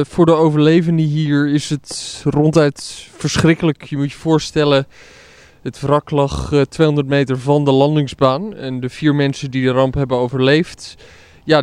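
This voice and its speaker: A man's voice: a little high, level tone, moderate pace, a little mellow, clean tone, no room sound. A man giving a spoof correspondent's report in a hesitant way, with many fillers. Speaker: foreign correspondent. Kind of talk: satirical field report.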